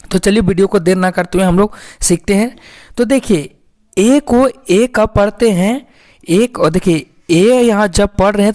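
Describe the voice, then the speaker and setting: A woman's voice: mid-range voice, a little mellow. Patient woman teaching phonics. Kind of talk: explaining a lesson to viewers.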